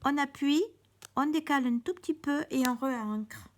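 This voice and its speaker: A woman's voice: high voice, moderate pace. A woman giving a chatty step-by-step card-making lesson at her craft table. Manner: chatty, step-by-step, with small restarts. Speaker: craft teacher.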